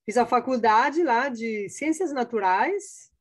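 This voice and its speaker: A woman from Italy in her forties, speaking with an Italian accent, answers interview questions casually as a guest scientist, full of fillers and restarts. Her voice leans high with lively intonation, and she takes her time.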